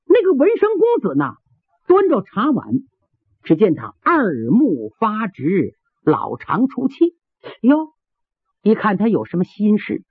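A man telling a traditional Chinese story in a dramatic, animated way, with vivid sound words. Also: high-pitched, measured pace, breathy edge, dry recording. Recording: tinny phone-like sound, dry.

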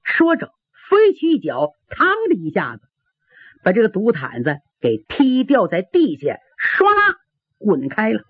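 Woman pingshu storyteller, dramatic, sweeping pitch, slightly husky; phone-thin radio recording. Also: huge pitch swings, measured pace, no echo. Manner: dramatic, sound effects, rhythmic listing. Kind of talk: traditional Chinese pingshu storytelling. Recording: tinny old radio broadcast.

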